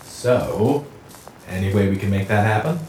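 A man's voice: on the low side, a little slow, darkish tone, natural voice. A man playing a laid-back, bodiless, staticky figure who talks in casual slang. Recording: roomy echo with faint hiss.

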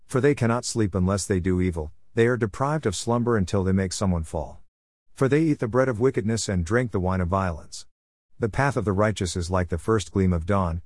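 Low-voiced man reading scripture aloud. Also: no room sound, clean studio sound. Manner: measured, steady reading cadence. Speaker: scripture reader.

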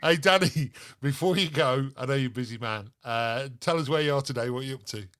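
A man's voice: medium pitch, fairly quick, a bit bright. A man hosting a radio phone-in, chatting casually with callers and laughing easily. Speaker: radio show host.

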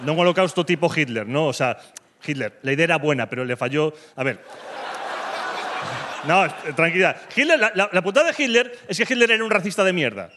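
A man with a Spanish accent from Spain doing stand-up comedy, delivering provocative dark humor that swings from mock calm to loud. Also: a little high, fairly quick, noisy background.

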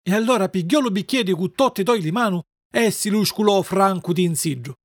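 A storyteller reading a children's tale aloud in a dialect, in an expressive, lilting way. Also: medium pitch, brisk, no echo, clean studio sound.

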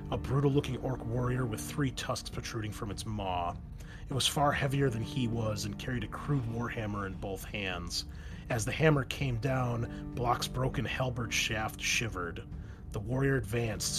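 A man acting as game master, describing the scene and reading battle narration aloud at a measured, steady pace. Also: mid-range voice. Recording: music playing underneath.

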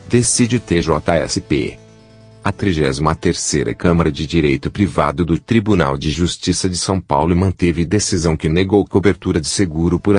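Low robotic tts guy, brazilian accent, reading news for a podcast, light music under it. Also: darkish tone. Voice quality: synthesized text-to-speech voice.

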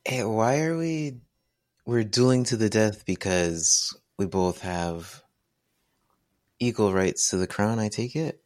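Low-voiced casual male player. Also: takes it slowly, a little mellow. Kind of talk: casual tabletop game play.

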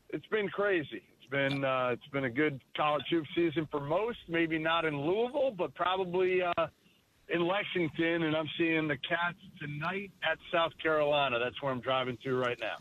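A man's voice: a little high, a little hiss or hum. Man on a tinny phone line. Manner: matter-of-fact, informed. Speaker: college basketball insider guest. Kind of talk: phone interview. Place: in a car, driving.

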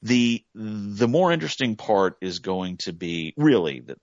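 A man's voice: fairly low pitch, lively intonation, a little slow, dry recording, muffled recording. A man co-hosting a podcast, talking politics casually with many restarts before landing firm points. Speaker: podcast co-host.

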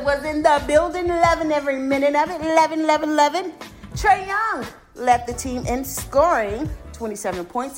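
A woman's voice: high voice, fairly bright tone. A woman presenting a bubbly, playful sports news roundup and cheering on the home teams.

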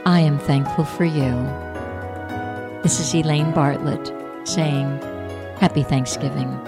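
A woman hosting a spiritual, inspirational talk, speaking in an earnest, heartfelt and measured way. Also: low-pitched, steady tone, creaky, loud music behind the voice. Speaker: host.

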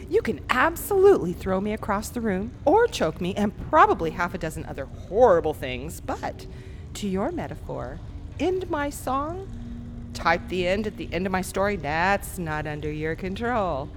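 A woman's voice: medium pitch, big pitch swings, moderate pace, slight background noise, lightly acted. A woman playing a defiant, sardonic thief heroine in an audio drama, wry and challenging. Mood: reasoning, challenging. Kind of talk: dramatic audio fiction acting.

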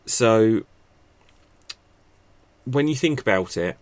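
A man's voice: fairly low pitch, expressive, takes it slowly, no echo. A man hosting a podcast, explaining improv stagecraft in a chatty, off-the-cuff way. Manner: chatty, thinks aloud with fillers and restarts. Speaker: podcast host teaching improv. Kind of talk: unscripted instructional talk. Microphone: podcast microphone.

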